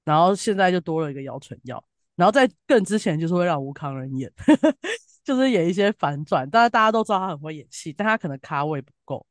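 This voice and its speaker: Animated, low-pitched woman with southern Taiwanese Mandarin accent. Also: fast talker, dry recording, studio quality. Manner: blunt, emphatic, colloquial. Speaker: podcast co-host reviewing TV drama. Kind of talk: casual opinionated chat.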